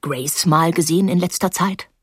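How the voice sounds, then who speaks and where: A woman's voice: lowish voice, moderate pace, breathy edge, no room sound, studio quality. A woman reading the part of an absent-minded older man, a distracted schoolmaster uncle, in an audiobook. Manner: vague, distracted.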